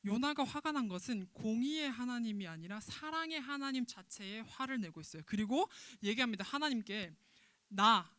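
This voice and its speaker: A woman giving a children's sermon as a Sunday school teacher, telling the Bible story in an animated, expressive way. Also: on the high side, a little fast, hardly any pauses, no echo.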